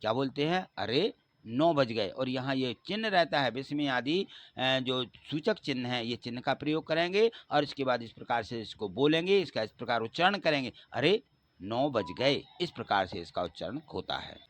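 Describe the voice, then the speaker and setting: A man's voice: mid-range voice, animated, fairly quick, few pauses, a bit bright. A man teaching a school grammar lesson, explaining step by step and asking and answering his own questions.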